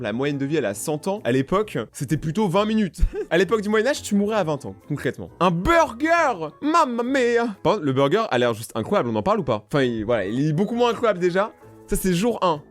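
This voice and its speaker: A young man joking his way through casual reaction commentary, excitable and hopping from one topic to the next. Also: a little high. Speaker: YouTuber reacting to videos.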